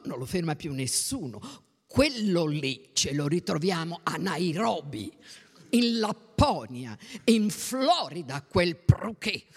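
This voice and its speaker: A reader voicing a blunt, loud older woman who rants indignantly, in a storybook reading. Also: medium pitch, husky, pitched below the performer's own voice, full character voice. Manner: indignant ranting, shouting. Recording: long reverb.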